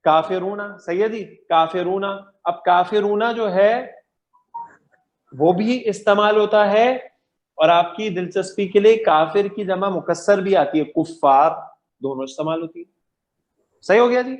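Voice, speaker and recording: A man delivers a grammar lecture in a slightly high voice. He talks patiently, repeats each example and keeps checking that his students are following. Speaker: Arabic grammar teacher.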